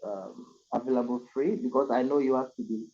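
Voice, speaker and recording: A man's voice: mid-range voice, brisk, crowd noise. A man taking part in a workshop, asking questions and commenting hesitantly over a video call. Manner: hesitant, with fillers. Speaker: workshop participant. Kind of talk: casual discussion. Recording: dull video-call audio.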